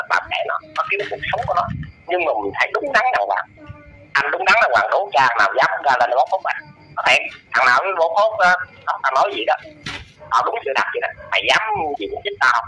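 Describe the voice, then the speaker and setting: A man in his eighties with a Southern Vietnamese accent, talking as an interview guest and lecturing in a scolding, preachy way, his pitch leaping up and down. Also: sharp tone, a little hiss or hum, poor audio. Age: 80s. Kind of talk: casual lecturing chat.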